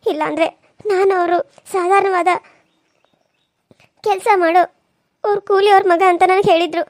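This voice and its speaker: A woman's voice: very high voice, no room sound, clean studio sound. A woman voicing a meek, loving young wife from a poor family in a cartoon serial, pleading tearfully with her in-laws.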